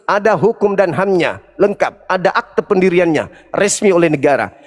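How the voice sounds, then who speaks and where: A man's voice: high-pitched, animated, normal speed, in a large hall. A man giving a confrontational, preachy debate speech, taunting his opponents with emphatic lines. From Indonesia. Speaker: Islamic apologetics debater.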